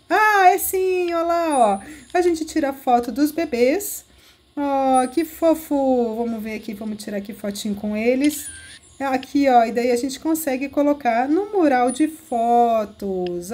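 High-voiced, gushing Brazilian woman. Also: darkish tone. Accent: Brazilian Portuguese. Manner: gushing, giggly, coos over cute things. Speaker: game video host. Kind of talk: excited gameplay walkthrough.

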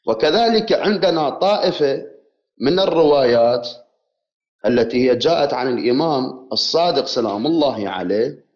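Man, caller, formal, measured, insistent, muffled lo-fi phone sound. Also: mid-range voice. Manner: measured, formal, wants to finish his point. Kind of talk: religious debate by phone.

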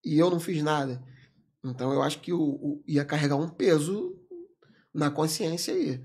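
A man, a military police corporal, telling a story as a podcast guest in an animated, emphatic way, full of slang fillers. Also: fairly high pitch, normal speed, husky. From Brazil. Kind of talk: casual storytelling in an interview.

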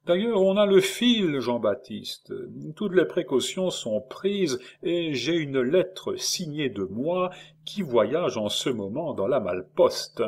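A booming, theatrical salesman full of schemes, as a man reads him aloud. His voice leaps high and sinks again in lively swings, delivered unhurried and a little husky, like a storybook rogue. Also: full character voice. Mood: boisterous, wheedling. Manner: loud, theatrical and jovial. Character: boisterous scheming middle-aged male traveling salesman.

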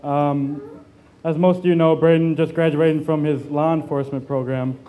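A man in his twenties giving an informal wedding toast from notes in a halting, nervous way, with hesitations and broken-off phrases. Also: a little high, little pitch movement. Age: 20s. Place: indoor wedding reception with seated guests. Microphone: microphone on a stand, sometimes handheld. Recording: background noise in reception hall.

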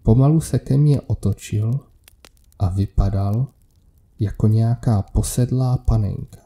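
A man narrates a scripted creepy story in a steady, measured way. His voice is deep in tone, very dark and mellow.

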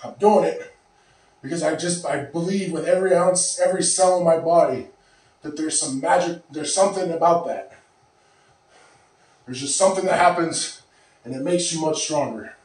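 A man's voice: fairly high pitch, moderate pace, long pauses, darkish tone. A man in his thirties, out of breath after lifting, rambling casually to the camera in a small home gym. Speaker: fitness vlogger. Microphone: far camera. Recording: very echoey room, from far off.

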